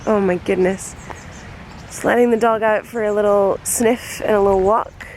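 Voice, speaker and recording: Hoarse woman vlogger with a smoker's rasp. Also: medium pitch, steady tone, normal speed, darkish tone. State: hoarse, losing her voice. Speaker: travel vlogger. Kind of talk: casual travel vlog chat. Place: in a moving car and outdoors on a road trip. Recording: noisy car and outdoor ambience.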